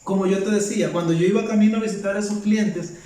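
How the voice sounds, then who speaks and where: A man with a fairly high voice gives a casual Bible teaching for his vlog. He reads verses aloud one after another and keeps asking himself rhetorical questions. He sits back from the mic in a very echoey room. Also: steady tone, fast talker, mellow, far from the mic.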